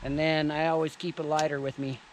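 A man in his thirties casually demonstrating camping gear outdoors, chatting to viewers in a relaxed way. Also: on the high side, a little fast, very noisy. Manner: relaxed, chatty, addresses viewers as "you guys". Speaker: vlogger showing camping gear. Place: forest clearing outdoors. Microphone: camera on a tripod and handheld selfie camera.

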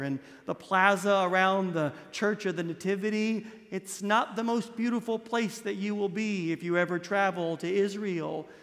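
High-voiced man preaching in a reverberant church. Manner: impassioned preaching, drops low and soft on key words; gestures broadly while standing at a lectern. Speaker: priest. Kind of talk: Christmas Eve homily. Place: large stone church, indoors.

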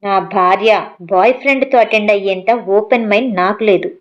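A woman's voice: mid-range voice, normal speed, dull audio, lightly acted. A woman reading an audio story voices a middle-aged husband who gives curt, dismissive replies.

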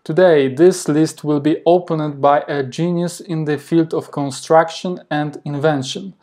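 A man in his thirties with a Polish accent hosts a history channel, carefully reading scripted narration into a lapel mic. His voice is a little high and dark in tone, with fairly even intonation and an unhurried pace. He records from a home office with a desk and a plant.

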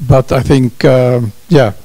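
An older man moderating a panel talk in English, German his first language, measured as he steers toward a conclusion. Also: medium pitch, fairly even intonation, warm tone, no room sound.

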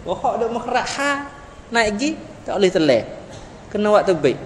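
A man with a Patani Malay accent teaches Quran recitation in an animated way, drilling sounds again and again. His voice sits high and carries a long reverb through a hall. Faint noise hums behind him. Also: moderate pace. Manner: animated, repeats sounds for students, chuckles often. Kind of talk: classroom teaching. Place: classroom.

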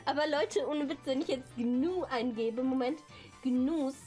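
A woman livestreamer with a cute, excitable anime-streamer manner, chatting casually and squealing in reaction. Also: sits high, a little slow, soft background music.

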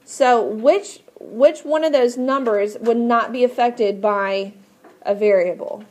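A woman teaching a math class step by step in a patient, instructive way, often asking questions to check understanding. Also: on the high side. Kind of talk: classroom lesson, explaining step by step.

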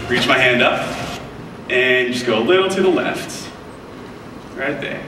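On a large keynote stage, a young man gives an upbeat, scripted live product demo as an enthusiastic presenter. His medium-pitched voice is animated and a little slow. Echoey hall audio picks him up from far away over a noisy background.

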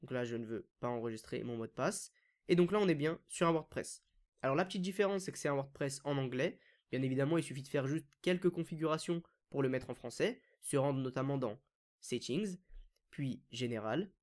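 A man hosting a screen-recorded software tutorial, explaining each step casually with frequent fillers. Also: medium pitch, fairly quick. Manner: casual, step-by-step, many "donc" and "euh" fillers. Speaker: WordPress consultant and YouTube tutorial host.

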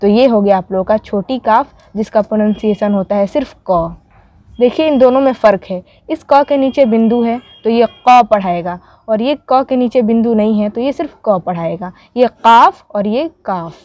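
A woman's voice: on the high side, moderate pace, few pauses, mellow, no echo. A woman teaching a beginners' writing lesson, patiently walking students through each letter stroke by stroke and repeating her checks. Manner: patient, repeats "ठीक है" and "आप लोगों का". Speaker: Urdu teacher. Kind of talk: step-by-step handwriting lesson.

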